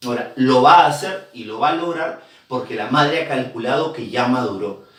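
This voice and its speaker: A male teacher lectures in a mid-pitched voice, explaining step by step and checking in with his listeners. He sits far from the mic in a very echoey room, so his voice rings with reverb. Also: normal speed. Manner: explanatory, full of rhetorical check-ins. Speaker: psychology teacher. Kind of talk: classroom lecture.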